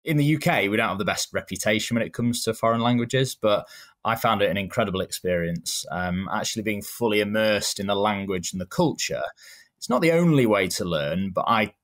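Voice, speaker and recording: An English guest in his thirties with a Manchester accent answers interview questions in a measured, explanatory manner, saying "um" often. His voice is on the low side, animated, and fairly bright.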